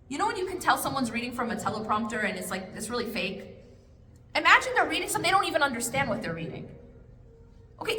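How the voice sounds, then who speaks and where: A woman with a high, bright, pushed voice responds to an audience question at an Islamic study circle, keeping it casual and drawing listeners in through rhetorical questions. The hall is echoey with faint noise.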